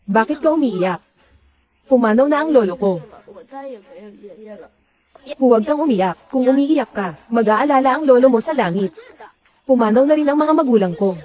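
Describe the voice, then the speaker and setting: A woman's voice: high-pitched, dark tone, rough recording. A woman voicing every character of a dubbed drama in one plain voice.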